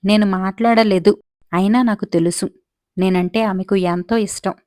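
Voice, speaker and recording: A woman's voice: mid-range voice, steady tone, moderate pace, darkish tone, no echo, studio quality, natural voice. A woman voicing a naive, lovesick young man who insists and boasts about his love. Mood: insistent.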